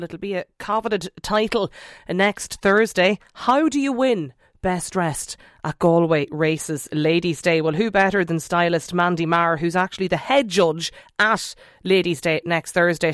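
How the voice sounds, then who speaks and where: A woman's voice: lowish voice, dry recording, clean studio sound. An Irish woman hosting a live radio interview in a chatty, questioning way, rephrasing as she goes. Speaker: radio talk show host. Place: radio studio.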